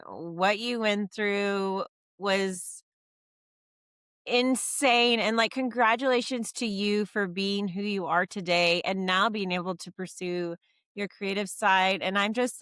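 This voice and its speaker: A woman in her thirties hosting a podcast, chatty and effusive, quick to encourage her guest. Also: medium pitch, fairly bright tone, clear, resonant tone, no room sound, clean studio sound. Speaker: podcast host. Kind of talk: casual conversational interview.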